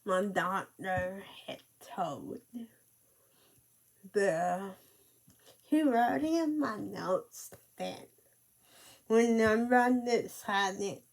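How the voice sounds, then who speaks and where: Slow, halting young woman telling her story. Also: medium pitch, vocal fry, slight background noise. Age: late 20s. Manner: slow and halting, with many pauses. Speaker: vlogger. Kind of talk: personal storytelling.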